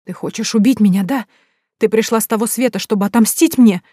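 A woman voicing a terrified young woman who screeches and shouts in panic. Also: on the high side, a little fast, husky, dry recording, clean studio sound, pitched above the performer's own voice. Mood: panicked, hysterical.

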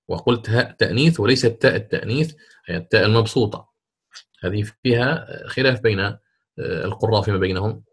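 Man, tajweed teacher, patient explanation, slow drawn-out example words, repeats points. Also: lowish voice, fairly bright tone, breathy edge. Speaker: Quran recitation teacher. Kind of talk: explaining tajweed rules in a lesson.

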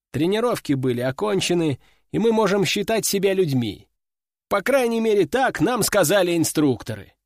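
Expressive male audiobook narrator. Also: high-pitched, no echo, studio quality. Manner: lively, expressive storytelling. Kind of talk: first-person audiobook narration.

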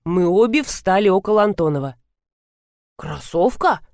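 A woman narrating a comic story as an expressive, lively audiobook reader. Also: medium pitch, moderate pace, no room sound, clean studio sound. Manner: lively storyteller, animated reading.

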